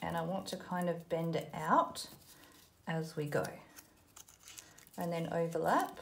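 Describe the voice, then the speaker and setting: A woman's voice: fairly low pitch, fairly even intonation, a little slow, vocal fry, noisy background. A woman with an Australian accent giving a casual craft tutorial, chatting informally and self-deprecatingly as she thinks aloud while working. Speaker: host of a children's craft video.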